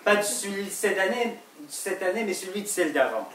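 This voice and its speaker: An actor playing a suspicious, jealous husband in a stage play, asking slow, pointed, accusing questions. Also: male voice, high voice, lively intonation, fairly bright tone. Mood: tense, accusing. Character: suspicious jealous husband, middle-aged man. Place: theater stage. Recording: roomy, distant stage recording with faint hiss.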